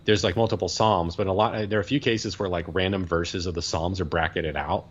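A man's voice: sits low, steady tone, fairly quick, highs cut off. A man co-hosting a podcast, a priest talking casually and rambling with many fillers and restarts.

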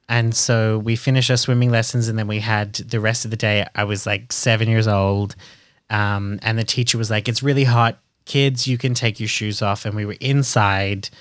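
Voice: medium pitch, no room sound. Australian speaker, dry close sound. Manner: chatty, animated storyteller. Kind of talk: casual chat.

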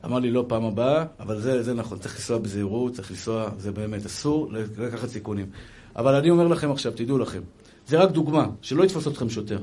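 A man's voice: medium pitch, mellow, breathy edge. A man giving a religious lecture, telling stories emphatically and calling his listeners brothers. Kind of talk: Hebrew sermon with anecdotes.

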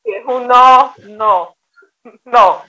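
Joking woman with a higher voice. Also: drawn-out words, crowd noise, rough recording. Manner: joking, teasing. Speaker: co-host. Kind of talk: casual chat.

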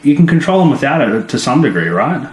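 Talking fast and very animatedly, a man co-hosting a podcast reviews a TV episode in a casual, playful chat. He breaks into silly voices, imitating characters with sudden pitch jumps. Faint background noise fills an echoey room.

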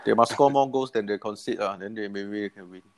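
A man's voice: on the low side, brisk. A man with a Singaporean accent giving short colloquial opinions in a casual football chat. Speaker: football panelist.

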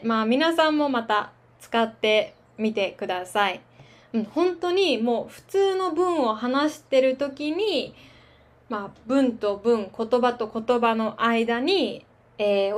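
A woman teaching Japanese filler words in a relaxed, chatty podcast lesson, laughing at her own fillers. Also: on the high side. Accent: standard Japanese. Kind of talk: slow casual language lesson.

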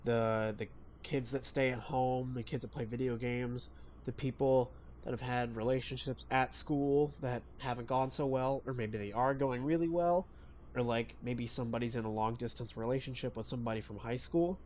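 A man's voice: medium pitch, fairly even intonation, normal speed, a little mellow. A man chatting casually as a podcast co-host. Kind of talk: casual chat. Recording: dull lo-fi sound, faint background noise.

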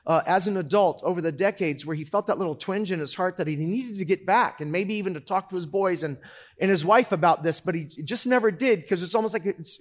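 A man in his fifties preaching a sermon and telling a story. He talks in halting bursts with many restarts, going quiet and low for sad parts. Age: 50s. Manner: halting, repeats words, drops low and quiet for sad moments; loud and animated when joking. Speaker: pastor.

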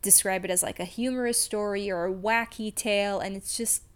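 A woman's voice: medium pitch, fairly even intonation, fairly quick, clear, resonant tone. A woman co-hosting a podcast, discussing a story casually in an emphatic, candid way that suits swearing. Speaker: podcast co-host.

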